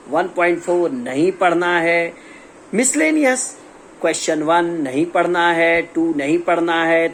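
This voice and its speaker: A man's voice: on the high side, a bit bright, a little hiss or hum. A man with an Indian accent, a young adult maths teacher giving a casual exam-prep lesson, chatty and teasing, asking students' questions himself.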